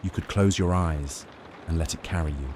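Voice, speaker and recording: A man giving a slow, soothing scripted bedtime narration in a gentle, measured, lulling manner. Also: rumbling low, background noise. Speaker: narrator of bedtime lore stories.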